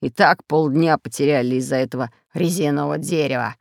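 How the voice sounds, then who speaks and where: A woman voicing a gruff male pirate who grumbles at everyone. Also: low voice, brisk, no echo, clean studio sound. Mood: grumbling.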